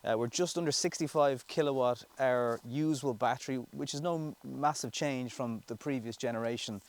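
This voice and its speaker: A man giving a relaxed, rambling car review with lots of fillers and restarts, first outdoors and then from inside a moving car. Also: medium pitch, moderate pace. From Ireland. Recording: noisy background.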